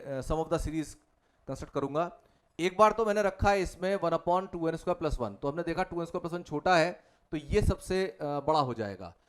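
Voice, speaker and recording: Solving problems at the whiteboard, a maths tutor talks his students through each step of the working. He is a man with a fairly high voice.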